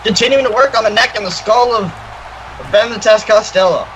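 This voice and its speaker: A man's voice: sits high, a little fast, background noise. A man giving live wrestling commentary, reacting to the moves and analysing them conversationally.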